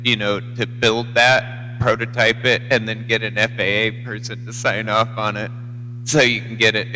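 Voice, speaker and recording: With a mid-range, pushed and bright voice, an American CB radio operator makes rambling, unpolished casual conversation. It's a live CB radio feed, recorded with a noisy hum and long, hollow reverb.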